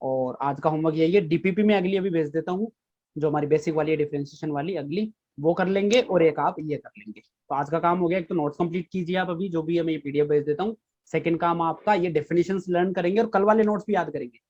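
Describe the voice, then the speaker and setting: A man's voice: fairly high pitch, fast, a little mellow, lo-fi sound. Repetitive quizzing male physics teacher. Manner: repeats key points, quizzes students with questions. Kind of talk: live online class lecture.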